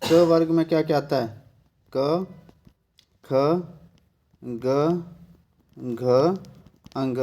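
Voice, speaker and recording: Himachali man teaching grammar, slightly high. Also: dark tone. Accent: Himachali Hindi. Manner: repeats "thik hai" and rhetorical questions. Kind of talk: exam-prep grammar lesson.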